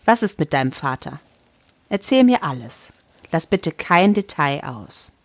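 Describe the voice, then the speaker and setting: A woman voicing an eccentric, blunt old grandmother who speaks slowly and in a measured way. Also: low voice, very animated, dry recording, full character voice. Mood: prodding. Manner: slow, measured, commanding.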